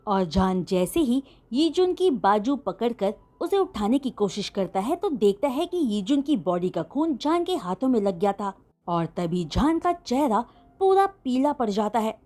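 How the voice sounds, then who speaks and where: A woman narrates a fan-written romance story with a fairly high voice. Her telling is animated and dramatic, with her pitch rising and falling freely as she builds each moment. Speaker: fanfiction storyteller. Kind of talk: retelling a romance story in Hindi.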